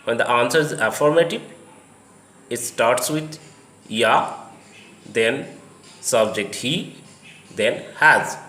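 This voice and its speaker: Slow, deliberate male teacher. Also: mid-range voice, sharp tone, roomy sound. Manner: slow, deliberate, explains step by step. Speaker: English teacher. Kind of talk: slow spoken English lesson.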